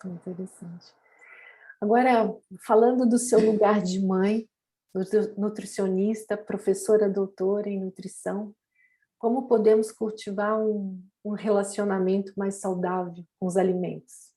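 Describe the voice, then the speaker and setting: A woman hosts a podcast interview with a mellow, warm voice. She asks the guest short, calm questions and adds quiet affirmations. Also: mid-range voice, a little slow. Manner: brief, calm prompts and affirmations. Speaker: podcast host.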